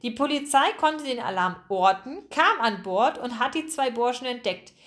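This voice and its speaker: A woman voicing a tall, elegant older gentleman in a storybook, courteous and earnest. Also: a little high, lively intonation, moderate pace.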